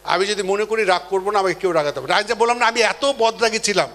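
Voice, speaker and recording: A man delivers a motivational seminar talk in a high, bright, forceful voice. He is animated, acts out the people he quotes and keeps putting questions to the audience. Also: fast. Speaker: motivational speaker.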